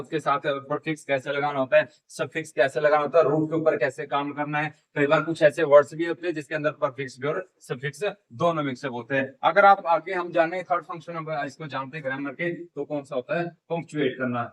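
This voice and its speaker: Man, teacher, slightly high voice, dictates phrases word by word. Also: fairly even intonation, fairly bright tone, poor audio. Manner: explains in Hindi mixed with English terms, dictates slowly while writing; asks and answers his own questions. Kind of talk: classroom grammar lesson.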